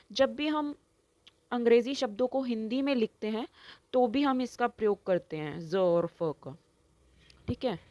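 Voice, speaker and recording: Slow, careful Hindi grammar teacher. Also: female voice, a little high, dry recording. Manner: slow, explains step by step, keeps asking "ठीक है"; says each example word slowly and distinctly. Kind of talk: online lesson.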